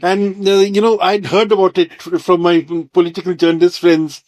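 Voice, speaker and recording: A host with an Indian English accent runs an interview show, rambling through introductions with frequent uhs and restarts. His voice is high-pitched and fairly flat, darkish in tone, at a moderate pace in a dry recording.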